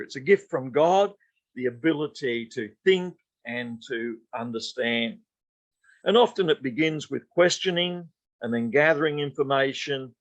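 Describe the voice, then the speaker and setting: A man lecturing to a class in a mid-pitched voice. He talks off the cuff, with many ums and uhs and restarted sentences. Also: muffled recording. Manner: unscripted, with frequent fillers and restarts. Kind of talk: college lecture.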